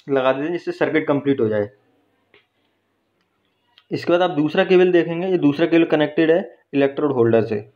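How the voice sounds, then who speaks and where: A man whose voice sits on the high side explains hands-on technical work in a welding workshop, going step by step and checking in with "ठीक है" and "है ना" as a teacher would. It was recorded on a handheld phone and sounds dull and lo-fi.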